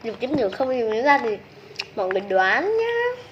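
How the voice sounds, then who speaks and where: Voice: medium pitch, wildly swooping pitch, normal speed. A youngster chatting casually as a member of a small video channel during a meal. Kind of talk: casual mukbang chat while eating. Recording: muffled lo-fi sound with background noise.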